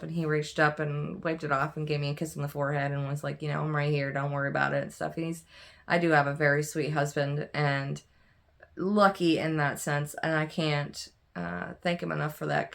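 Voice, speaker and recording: A young adult woman talking to her viewers in a loose, candid vlog chat. She sounds worn out and yawns, her voice sits a little low for a woman, and she wanders through her thoughts with lots of "um" and "like.". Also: fairly bright tone. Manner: rambling, candid, many fillers and restarts. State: tired, yawning. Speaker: cross stitch vlogger. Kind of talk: casual chat to camera.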